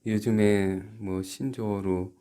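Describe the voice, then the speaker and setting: A man from South Korea gives a church sermon as pastor, his fairly low voice clean in tone and showing little pitch movement. He pauses haltingly, trading quiet asides for emphatic rhetorical questions.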